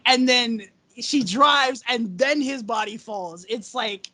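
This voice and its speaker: A guest on a casual movie chat over a video call, talking excitedly, laughing often and acting out quoted lines. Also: mid-range voice, takes it slowly.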